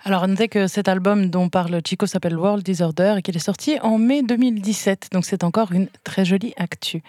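A woman interviewer presenting facts and asking clear questions. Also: medium pitch, a little mellow, no echo, studio quality. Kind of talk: radio interview.

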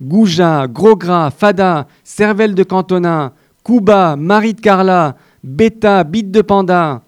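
A man voicing a furious woman who hurls strings of insults at her lover in a raised, high voice. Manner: rapid-fire shouted insult lists.

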